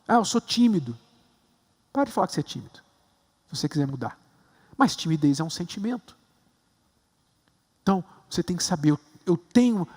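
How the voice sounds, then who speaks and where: A man with a Brazilian Portuguese accent, a bishop preaching a sermon with emphatic rises to stressed high points. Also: long reverb tail. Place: large temple hall.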